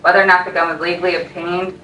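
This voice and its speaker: A woman's voice: on the low side, level tone, fast, bright, forceful tone. A woman speaking as a prosecutor, delivering a formal legal argument from a prepared statement. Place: courtroom. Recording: echoey courtroom, distant mic, faint noise.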